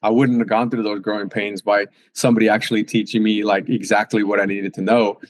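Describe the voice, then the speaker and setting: Talking fairly quickly in a lowish, level voice, a fitness and nutrition coach holds forth on a laid-back podcast. He's emphatic and informal, leaning heavily on fillers and frequent "right?" tags.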